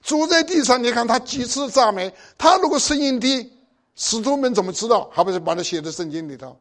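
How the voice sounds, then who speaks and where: High-voiced older preacher, exhorting. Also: male voice, lively intonation, fairly quick, a bit bright. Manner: exhorting, with pointed rhetorical questions. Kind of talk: sermon.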